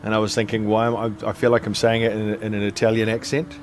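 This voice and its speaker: A man's voice: fairly low pitch, completely flat delivery, fast, faint music behind. A man co-hosting a sim racing stream, talking in a loose, chatty way with lots of fillers and self-deprecating asides. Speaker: co-host doing the visuals.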